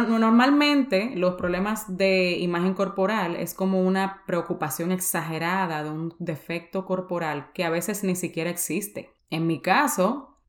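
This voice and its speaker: With a lowish voice in a reverberant space, a young woman from the Dominican Republic delivers a personal podcast monologue as host. She tells her story in a candid, confessional way, her Spanish carrying a Dominican accent and sprinkled with English words.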